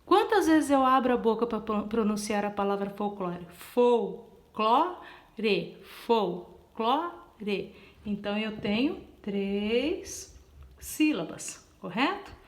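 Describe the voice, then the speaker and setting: A woman's voice: medium pitch, very animated, unhurried. A woman teacher giving a patient classroom explanation, spelling out letters one by one, counting aloud and checking in with "tá?". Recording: echoey room.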